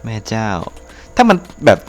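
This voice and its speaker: A man giving casual let's-play commentary, excitable, with quick exclamations and playful jokes. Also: a little hiss or hum. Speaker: gameplay commentator.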